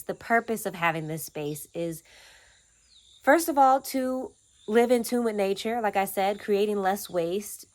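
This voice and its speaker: A woman in her twenties from Atlanta talks in a casual, earnest, reflective vlog about the off-grid cabin where she lives, speaking in short, unhurried phrases. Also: medium pitch. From Atlanta, Georgia, USA. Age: 20s. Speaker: vlogger and land steward. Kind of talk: casual personal vlog talk.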